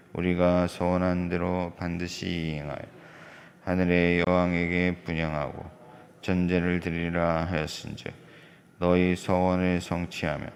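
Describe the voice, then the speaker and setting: Sex: man. Role: scripture reader. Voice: very deep, flat, smooth. Style: solemn Bible reading. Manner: measured, even recitation. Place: church.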